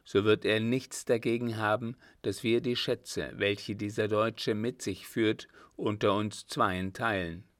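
A man voicing a young man in love, earnest and determined, in his own plain low voice. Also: fairly even intonation, a little slow, hardly any pauses, no echo, clean studio sound, lightly acted.

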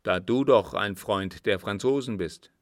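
A man voicing a cold, guarded older desert sheik in an audiobook reading, with a measured, cool delivery. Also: on the low side, no echo, studio quality.

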